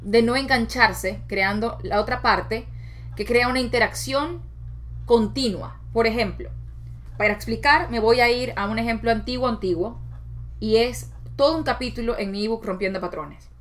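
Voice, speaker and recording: A woman giving a casual motivational talk, acting out inner voices with shifts in tone. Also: normal speed. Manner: expressive, acts out inner voices with shifts of pitch. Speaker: self-help speaker.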